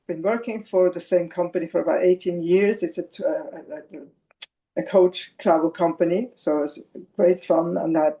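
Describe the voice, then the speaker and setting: A woman's voice: fairly low pitch, warm tone. An older woman from Switzerland, a podcast guest telling her life story in casual chat with hesitant fillers.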